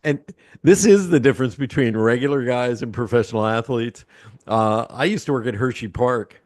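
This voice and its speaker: A man's voice: mid-range voice, moderate pace, a little mellow, no echo, clean studio sound. A man in his sixties from Pennsylvania hosts a casual interview, rambling with lots of ums and uhs. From Pennsylvania, USA. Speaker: podcast host.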